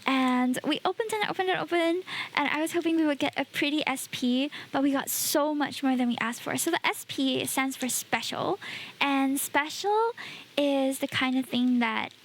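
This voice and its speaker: A high, bubbly woman's voice. She chats casually and excitably like a livestreamer talking to viewers, with faint noise behind her. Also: moderate pace. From Singapore. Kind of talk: casual livestream chat while opening card packs.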